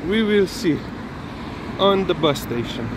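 A man casually narrating a walk with his dog outdoors on city streets, rambling and unhurried, with many fillers and restarts. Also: high voice, animated. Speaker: dog owner vlogging a walk. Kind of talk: casual narration while walking. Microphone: handheld or body camera. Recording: noisy outdoor street recording. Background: traffic and street noise.

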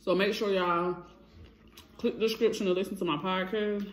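A woman's voice: medium pitch, steady tone, moderate pace, a little hiss or hum. A young woman hosting a casual mukbang vlog at home, chatting and rambling to her viewers as y'all into her phone. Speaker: vlogger. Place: home, indoors. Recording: echoey room.

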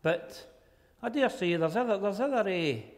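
A man's voice: high-pitched, animated, normal speed. A middle-aged man from Ayrshire with a broad Scottish accent, speaking in Scots to a room from a lectern microphone as a poet. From Ayrshire, Scotland. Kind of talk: public talk in Scots on poetry, with recitation. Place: large wood-panelled hall, indoors. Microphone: handheld-type microphone on a stand at lectern. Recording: echoey hall, long reverb.

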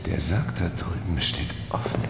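An actor playing a grim, determined demon hunter in a horror audio drama, terse and matter-of-fact. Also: male voice, deep voice, normal speed. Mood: grim, controlled. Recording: echoey reverberant room, clear background noise.

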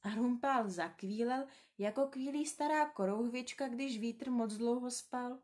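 A woman reading a children's story aloud, gentle, slow and tender. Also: fairly high pitch.

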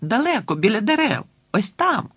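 A male audiobook reader voicing an excitable young girl who exclaims in a high, breathless voice. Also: moderate pace, vocal fry, no echo, clean studio sound, exaggerated voice. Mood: excited. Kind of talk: audiobook character voice.

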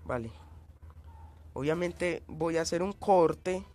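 A man's voice: a little high, slow pace, darkish tone. A man giving gameplay commentary, coughing and sounding changed by a cold, yelping and screaming at in-game hazards. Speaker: let's play gamer.

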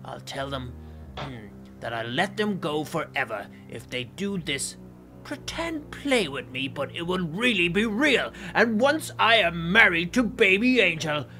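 A man's voice: high-pitched, gravelly, pushed and bright, heavily acted. A man voicing a scheming, greedy villain in a game roleplay, muttering sing-song lines and cackling. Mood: triumphant. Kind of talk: Minecraft roleplay voice acting.

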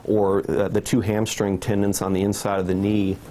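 A middle-aged man, an orthopedic surgeon, calmly explaining a procedure in an interview with a few "uh" fillers. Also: fairly low pitch, normal speed. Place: office with bookshelves.

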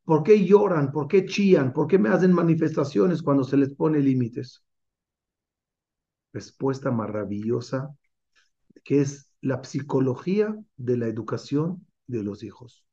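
A man's voice: mid-range voice, measured pace, warm tone, lo-fi sound. A man teaching as a rabbi in an online class, driving his points home with many rhetorical questions. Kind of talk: Torah class over video call.

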